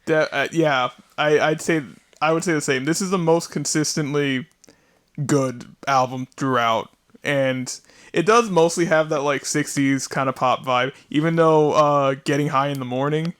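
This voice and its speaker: A man with a slightly raised pitch chats about songs in easy podcast talk. He hedges a lot with "like" and "I don't know.". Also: measured pace, smooth. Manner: relaxed, hedging with "like" and "I don't know". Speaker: podcast co-host. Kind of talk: casual music chat.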